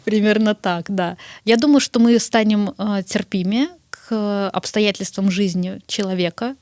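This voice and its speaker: A woman of middle pitch gives interview answers in a steady, reasoned way, now and then asking the listener if they follow. Her voice is recorded dry and close, with no room sound. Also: no room sound. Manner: measured, explaining, appeals to the listener. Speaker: guest.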